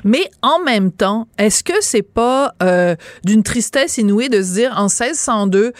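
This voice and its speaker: A woman with a Québécois accent hosting a radio interview, asking probing questions in an animated way. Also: a little high, unhurried, no room sound, clean studio sound. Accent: Québécois French. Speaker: radio host.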